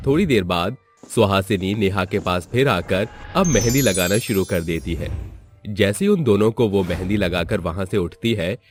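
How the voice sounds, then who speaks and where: A man narrating a storybook tale in an expressive, scripted way. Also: low voice, normal speed, soft background music.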